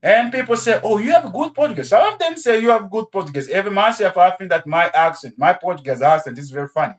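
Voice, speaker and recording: Laughing often and full of animation, a guest from Congo talks informally with a class about learning languages, using English rather than his first language. He speaks fast in a high voice, and the recording sounds muffled.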